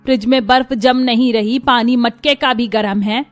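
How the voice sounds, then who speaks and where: A woman's voice: fairly high pitch, steady tone, moderate pace, natural voice. A woman voicing a cruel middle-aged mother-in-law in a cartoon, harsh and taunting, over faint music. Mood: scolding. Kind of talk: cartoon voice acting.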